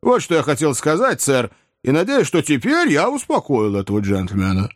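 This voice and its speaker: A man's voice: on the high side, huge pitch swings, moderate pace, no echo, clean studio sound, voice pushed up. A man voicing a cheerful plain-spoken young manservant in a story reading, friendly and matter-of-fact. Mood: assured.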